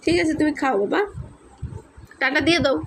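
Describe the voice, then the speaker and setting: A young mother with a hoarse voice from a cold, chatting casually to viewers at home and coaxing her small children. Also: high voice, fairly even intonation, a little fast, slight background noise. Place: home indoors.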